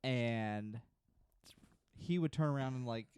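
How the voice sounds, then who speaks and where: A man's voice: medium pitch, slow, darkish tone, smooth, no echo. A man co-hosting a casual podcast, telling rambling, laid-back anecdotes. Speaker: podcast co-host.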